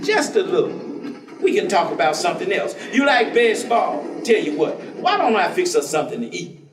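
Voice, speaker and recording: An actor plays a high-pitched, folksy, streetwise ex-convict host during a staged play reading for an audience, his male voice sing-song and fairly quick. He drawls, chuckles, and coaxes in colloquial speech, persistent and teasing in a teasing, coaxing mood. A distant microphone catches the echo of the stage room.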